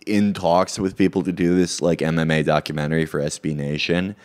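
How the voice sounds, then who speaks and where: A man's voice: deep voice, flat delivery, brisk, a little mellow. A man co-hosting a podcast, rambling through stories in casual banter and laughing often. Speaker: podcast co-host.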